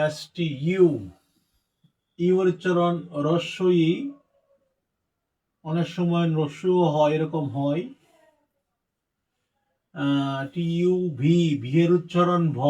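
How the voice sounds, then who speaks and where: A man's voice: on the high side, darkish tone, recorded from a distance, poor audio. A male English teacher giving a spelling and pronunciation lesson, spelling out letters one by one and talking directly to his students.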